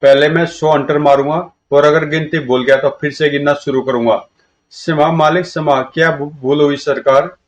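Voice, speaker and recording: A man reading a comic story aloud and voicing all of its characters in a lively way. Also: fairly high pitch, moderate pace. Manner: lively, shifts between characters' lines. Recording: dull lo-fi recording.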